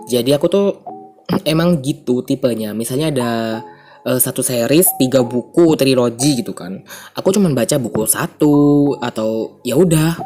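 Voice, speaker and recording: A man's voice: mid-range voice, warm tone. A young man with an Indonesian accent and a congested, stuffy nose, chatting casually to viewers as a book vlogger and slipping in English phrases.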